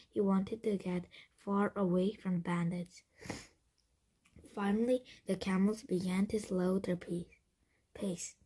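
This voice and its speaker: A woman reading a children's chapter book aloud, in a soft, half-whispered manner that stumbles and restarts. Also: mid-range voice, breathy edge. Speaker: reader.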